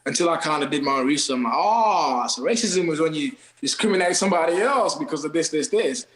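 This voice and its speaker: A man's voice: fairly high pitch, animated, brisk, a bit bright, roomy sound, poor audio. A man from Kenya, a guest on a podcast, talking loosely in slang and calling everyone bro and man. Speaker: podcast guest, TikTok creator. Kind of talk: casual podcast chat.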